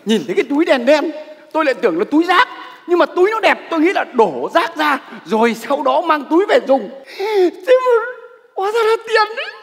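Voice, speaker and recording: A gravelly old father, bossy and loud. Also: extremely high pitch, big pitch swings, a little fast, big-room sound, exaggerated voice. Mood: excited. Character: bossy old father who found money. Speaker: comedy sketch actor. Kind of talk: stage comedy sketch.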